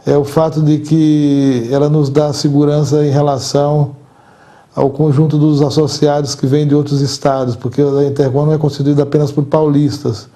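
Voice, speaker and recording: An older man with a Brazilian Portuguese accent, the association's outgoing president, answers in a measured, formal way, picking his words carefully and repeating some. His voice is mid-range and dark.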